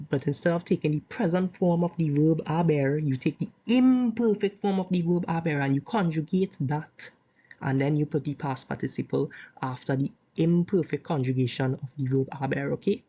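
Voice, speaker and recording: Caribbean-accented teacher, grammar lesson, deliberate recitation, dull lo-fi sound. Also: medium pitch, mellow, breathy edge. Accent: Caribbean English. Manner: slow, deliberate reciting of conjugations with asides. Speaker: Spanish teacher.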